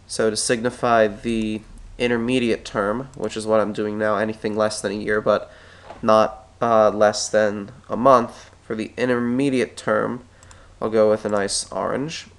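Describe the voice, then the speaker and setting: A man with a lowish voice speaks flatly at a measured pace, stuffy from a head cold and clearing his throat. He's a stock market analyst in a screen-recorded chart tutorial, thinking aloud and often correcting himself as he draws.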